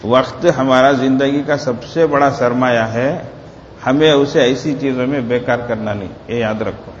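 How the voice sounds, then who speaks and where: A man's voice: medium pitch, slight background noise. A male preacher delivers a sermon with a long, ringing reverb around his voice, as if he were standing in a large hall. The sound is dull and lo-fi, with a faint ambience behind it. He keeps asking the congregation questions and draws out key phrases. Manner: rhetorical questions to the audience; slow emphatic phrases on religious words. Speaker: Islamic preacher. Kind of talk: Ramadan sermon.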